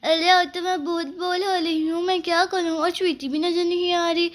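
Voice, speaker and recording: A woman's voice: extremely high pitch, flat delivery, moderate pace. A woman hosting a children's channel, narrating a playful doll story. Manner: playful, chatty. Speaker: kids channel host.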